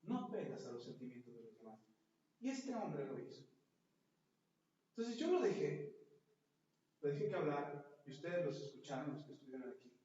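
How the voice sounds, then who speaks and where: A man's voice: on the high side, sing-song, normal speed, long pauses, warm tone. A middle-aged man, preaching a sermon and telling stories by acting out little scenes. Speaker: pastor. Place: church hall. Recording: echoey church hall, far from mic, dull.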